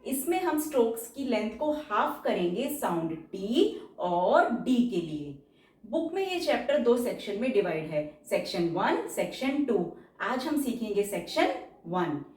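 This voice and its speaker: A woman's voice: medium pitch, big pitch swings, unhurried, darkish tone, very echoey, distant mic. A woman teaching shorthand in a patient, step-by-step tutorial, repeating each example word as she goes. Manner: patient, explains each stroke and repeats words.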